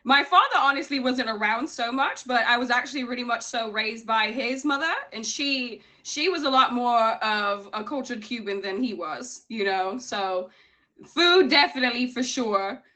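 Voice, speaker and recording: Female guest from Miami, slightly high and very bright voice, emphatic, gushing, conversational interview delivery. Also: expressive, moderate pace. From Miami, United States. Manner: effusive, emphatic, repeats herself for emphasis. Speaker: guest, award recipient. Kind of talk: casual interview answers.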